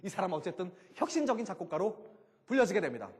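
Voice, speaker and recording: A middle-aged man giving a joking, animated lecture on classical music to a live audience, full of rhetorical questions. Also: high-pitched, fast talker, long reverb tail.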